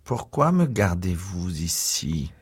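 A man voicing an enraged, bitter male asylum inmate who shouts and spits contempt in a read-aloud story. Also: sits low, sing-song, takes it slowly, breathy edge, heavily acted.

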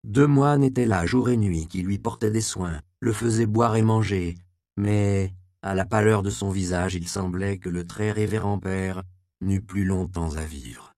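A male audiobook narrator with a low, gravelly voice reads in a measured storytelling manner. The recording is close and dry, with no room sound. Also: a little mellow, dry recording.

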